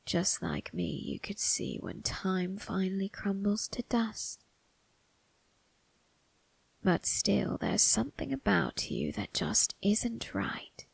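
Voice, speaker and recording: A woman voicing a sinister, amused, ageless male grim reaper turned undertaker in an ASMR roleplay, breathy and gravelly, often dropping into a whisper, with a theatrical, teasing delivery. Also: mid-range voice, expressive, no room sound, full character voice, rough recording. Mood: intimate, fascinated. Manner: slow, theatrical, teasing, morbidly musing. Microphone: close microphone, dry.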